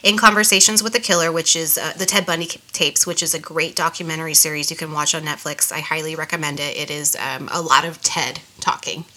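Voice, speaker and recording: Bright-toned woman with a stuffy nose. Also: low voice, steady tone, brisk, few pauses. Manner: reads from notes with small restarts. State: nasal from a cold. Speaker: podcast co-host. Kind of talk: casual podcast reading.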